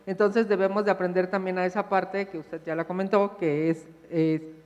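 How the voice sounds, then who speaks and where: A woman taking part in a church class discussion, explaining her point calmly and politely. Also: on the low side, moderate pace, dull audio. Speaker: class participant. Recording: long echo of a church hall.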